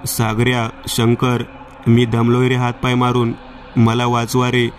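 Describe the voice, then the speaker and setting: A man's voice: mid-range voice, completely flat delivery, measured pace, close to an everyday voice. A man voicing a panicked young man stuck in a river, pleading desperately for help.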